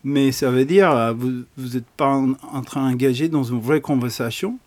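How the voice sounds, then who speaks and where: A man with a foreign accent in French, discussing as a panel guest, halting and often repeating words as he builds sentences. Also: mid-range voice, darkish tone.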